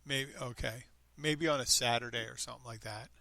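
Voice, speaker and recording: A man's voice: medium pitch, fairly even intonation, a little fast, gravelly, a crowd in the background. A man in his fifties hosting a podcast, chatting casually and rambling with frequent restarts. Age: 50s. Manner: rambling, upbeat, self-interrupting. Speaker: podcast host. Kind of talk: casual chat.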